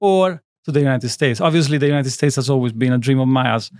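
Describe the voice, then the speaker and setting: In a studio interview conversation, an Italian skincare brand founder in his thirties, whose first language is Italian and who has an Italian accent, rambles earnestly through his story. His fast, mid-range voice is slightly mellow, clear and resonant, and the recording is dry.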